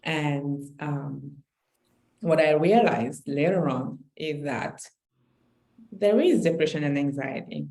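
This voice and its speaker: A woman from Senegal, co-hosting a podcast, talking candidly and reflectively in relaxed conversation, often restarting her phrases. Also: sits low, takes it slowly, low-quality recording. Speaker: podcast co-host.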